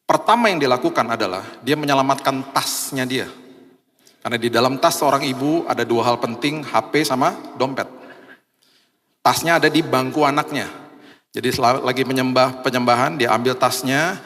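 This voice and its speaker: A man's voice: moderate pace, fairly bright tone. A man preaching a sermon as pastor, telling a story and acting out the people in it. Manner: storytelling, acts out quoted voices with big pitch jumps. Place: large church hall. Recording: long hall reverb.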